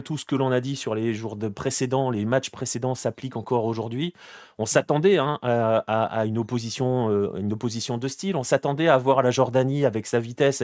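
Man, football podcast host, casual chat, hesitant and rambling, middle pitch, dry close sound. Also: dry recording. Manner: relaxed, many fillers, greets chat viewers by name.

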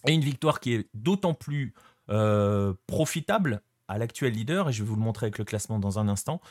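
A man's voice: on the low side, expressive, fairly quick, a little mellow, no echo, clean studio sound. Chatty French-speaking male show host. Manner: chatty, hesitant with many fillers, greets chat viewers. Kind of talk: casual live-stream show hosting.

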